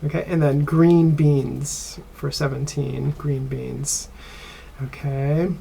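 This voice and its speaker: A man with an American accent teaching an online English class, speaking haltingly and pausing often with fillers. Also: on the high side, flat delivery, creaky, dark tone, breathy edge. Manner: slow and halting, with frequent filler pauses.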